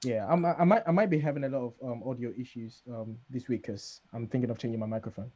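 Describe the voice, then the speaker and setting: A man's voice: medium pitch, quick pace, a little mellow. A man in a casual podcast chat whose voice comes through muffled, as if through a wall, from a poor microphone. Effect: muffled, as if heard through a wall. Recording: muffled distant mic.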